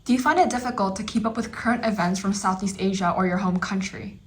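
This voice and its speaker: A woman interviewer asking questions clearly and evenly. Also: medium pitch, fast.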